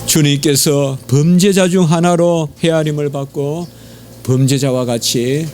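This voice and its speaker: A man's voice: steady tone, unhurried, darkish tone, slight background noise. A middle-aged man with a Gyeongsang Korean accent preaching a sermon as pastor, emphatic, with frequent affirming fillers. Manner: emphatic, pitch leaps on exhortations, frequent "예" fillers. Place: church sanctuary.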